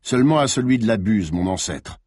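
A man's voice: fairly low pitch, lively intonation, brisk, a little mellow, no room sound, clean studio sound. A man doing a sleepy, grumbling young man. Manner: grumbling, drowsy.

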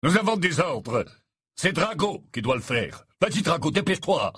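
A man's voice: a little high, big pitch swings, moderate pace, a bit bright, husky, no echo, studio quality, pitched above the performer's own voice, exaggerated voice. A man putting on a brutish, barking henchman. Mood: impatient. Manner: curt, barking orders. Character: brutish, coarse-featured male henchman, commanding. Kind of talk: audiobook character voice.

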